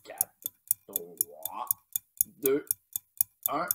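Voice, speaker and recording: A man's voice: low-pitched, big pitch swings, very slow, over loud music. A man, co-hosting a quiz, counting down and chatting with frequent fillers. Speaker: quiz co-host.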